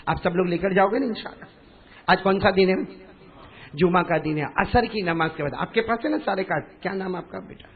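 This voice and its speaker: A man's voice: high-pitched, phone-quality sound. A male preacher giving a storytelling sermon to children, repeatedly calling on the audience to repeat after him. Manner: call-and-response, urges audience to repeat. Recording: echoey hall with faint music.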